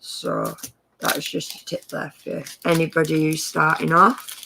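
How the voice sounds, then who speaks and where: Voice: mid-range voice, huge pitch swings, a little slow, creaky, pushed and bright, slight background noise, rough recording. A craft live-streamer giving a casual tutorial, chatty and rambling, often correcting themselves while handing out friendly practical tips.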